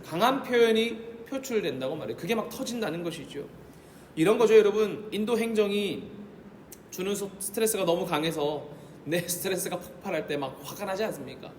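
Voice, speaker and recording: A high-voiced man preaching in a church sanctuary, moving from storytelling into emphatic exhortation. His voice rings through a large, echoey hall with a long reverb tail, and a faint rumble sits underneath. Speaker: pastor. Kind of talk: sermon.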